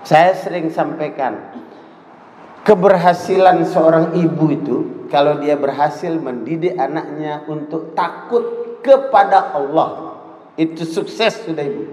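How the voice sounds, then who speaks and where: A man's voice: on the high side, unhurried, darkish tone. A man with an Indonesian accent preaching a sermon, telling stories and acting out the quoted dialogue. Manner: storytelling, acts out quoted dialogue. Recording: echoey hall reverb.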